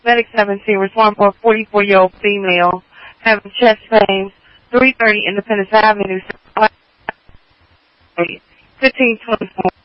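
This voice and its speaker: A man's voice: sits high, fairly even intonation, normal speed, dry recording. A man working as an emergency dispatcher, calling out units, addresses and times in clipped codes over a two-way radio. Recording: muffled dry radio transmission.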